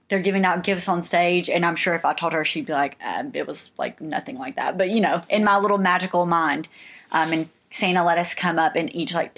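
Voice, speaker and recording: Chatty young woman, slightly low voice. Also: fairly bright tone. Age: young adult. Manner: chatty, lots of likes and laughs. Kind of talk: casual chat.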